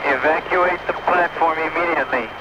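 A man's voice: a little high, fairly quick. A man's voice takes over the broadcast, ordering an evacuation in clipped, commanding bursts. The sound is muffled and lo-fi, with a roomy echo. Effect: hijacked broadcast warning. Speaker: military broadcaster. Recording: dull lo-fi broadcast sample, roomy.

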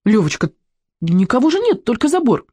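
A man doing a shy, trusting little schoolboy from a storybook. He speaks hesitantly and softly. The sound is dry and close-up. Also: on the high side, a little fast, slightly rough, dry recording. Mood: timid. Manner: timid, hesitant. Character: timid, trusting young schoolboy.

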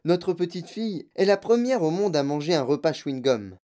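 A woman's voice: fairly low pitch, lively intonation, normal speed, mellow, close to an everyday voice. A woman voicing a proud, blustering father who barks orders, in a storybook reading.

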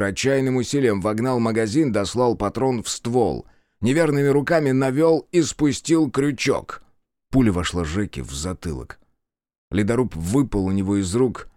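A man giving a tense, measured dramatic narration of a story. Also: fairly low pitch, a little mellow, no echo, studio quality. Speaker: audiobook narrator.

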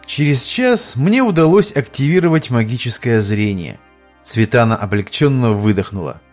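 A man reading an audiobook aloud, with a lively, playful delivery of the dialogue. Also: medium pitch, normal speed, soft background music. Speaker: audiobook narrator.

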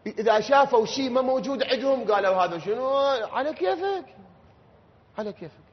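Fast-talking Iraqi cleric, husky voice. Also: male voice, extremely high pitch, animated. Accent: Iraqi Arabic. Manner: swings from quiet explanation to loud emphatic questions. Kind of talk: religious lecture. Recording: lo-fi with long hall reverb.

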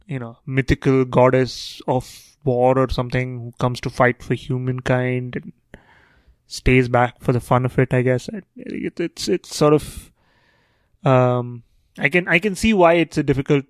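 Guy cohosting a podcast, wry sarcastic banter, dry close sound, ordinary pitch. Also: fairly even intonation, measured pace, no room sound. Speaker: podcast co-host. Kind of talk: casual chat.

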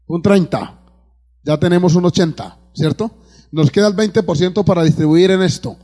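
A man with a Colombian accent preaches at a moderate pace, his high-pitched voice mellow. As pastor, he addresses his live church congregation with questions and calls of amen, often echoing his own words while searching for more.

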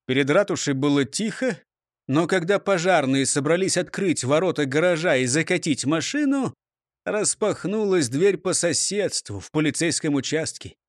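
High-voiced, animated male storyteller. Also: moderate pace, dry recording, studio quality. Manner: expressive, animated reading. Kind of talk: reading a children's storybook aloud.

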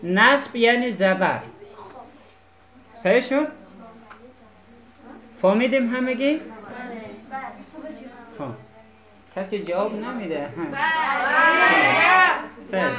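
A woman's voice: a little high, lively intonation, long pauses, a crowd in the background. Echoey patient woman teaching a class. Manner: patient, keeps checking students understand. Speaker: Arabic teacher. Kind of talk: classroom lesson.

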